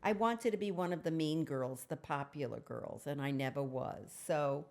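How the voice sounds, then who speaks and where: A woman's voice: low-pitched, normal speed, vocal fry, a little mellow. A woman, chatting casually and reading a diary aloud in a rambling, candid way with self-mocking asides. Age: 70s. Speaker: host of an advice show.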